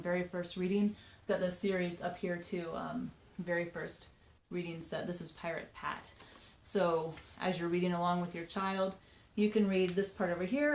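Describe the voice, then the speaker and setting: A chatty woman in her thirties with a slightly low voice runs through children's books in an upbeat, rambling way, full of ums. She is recorded in a roomy, echoey space with a faint hiss behind her. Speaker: children's book seller. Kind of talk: casual book showcase. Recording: echoey room with faint noise.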